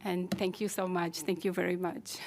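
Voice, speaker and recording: A woman's voice: lowish voice, flat delivery, normal speed, a little mellow, slight background noise. A woman from Algeria giving a hesitant public comment of thanks at a city council meeting, often restarting her sentences.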